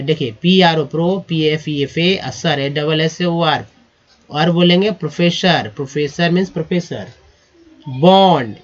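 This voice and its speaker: High-voiced man spelling English words. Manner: spells words letter by letter, repeats pronunciations. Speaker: English teacher. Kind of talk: spelling-out vocabulary lesson. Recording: dull lo-fi recording.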